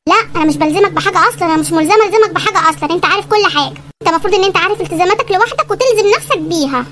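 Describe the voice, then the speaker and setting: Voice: animated, racing. A performer voicing a bossy, demanding young woman in an Egyptian cartoon sketch, speaking with an Egyptian accent in a nagging, stubborn way. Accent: Egyptian Arabic. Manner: nagging, stubborn, shrill when pleading. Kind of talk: animated comedy sketch.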